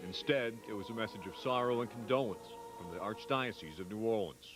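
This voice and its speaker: A man's voice: on the low side, fairly quick, music in the background. A man narrating a scripted television news report.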